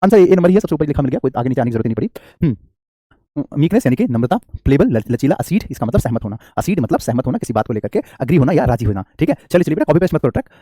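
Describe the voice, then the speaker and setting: Rapid-fire male teacher, mellow voice. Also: medium pitch, sing-song, no echo, clean studio sound. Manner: chatty, jokey, calls students "beta", reads comments aloud. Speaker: English teacher. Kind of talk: live online vocabulary class.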